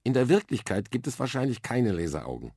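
A man's voice: medium pitch, big pitch swings, fast talker, warm tone, breathy edge, dry recording, studio quality, pitched above the performer's own voice. A man voicing an earnest, shy young boy in a children's radio story, a little defensive.

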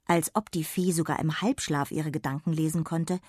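Husky woman reading a bedtime story. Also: deep voice, normal speed, dry recording, clean studio sound. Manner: gentle, expressive storytelling. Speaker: narrator. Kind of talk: children's radio story reading.

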